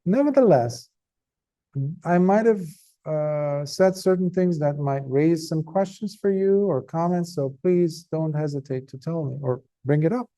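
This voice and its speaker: Tired but earnest, a male monk speaks conversationally on the Dhamma before a group, with strong emphasis and deliberate pauses. His voice is mellow and pitched toward the high end.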